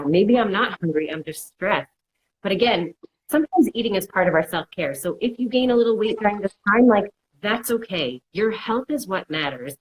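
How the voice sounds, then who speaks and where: A woman's voice: mid-range voice, slight background noise, low-quality recording. A woman counselor giving casual, reassuring advice and acting out worried inner voices in quotes. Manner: reassuring, repeats "it's okay". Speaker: mental health counselor. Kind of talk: conversational advice.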